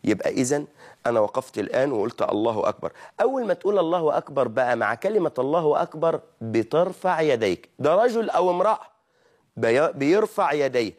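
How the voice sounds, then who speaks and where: Animated Egyptian preacher, fairly high voice. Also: male voice, fast talker. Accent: Egyptian Arabic. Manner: animated teaching, mimics wrong pronunciations, asks and answers own questions. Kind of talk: religious lesson.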